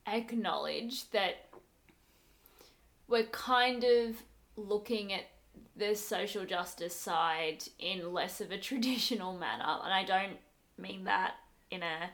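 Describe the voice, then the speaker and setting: A young woman co-hosting a podcast, talking thoughtfully with many pauses and fillers. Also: medium pitch, animated, fairly bright tone. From Australia. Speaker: podcast co-host. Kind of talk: casual podcast conversation.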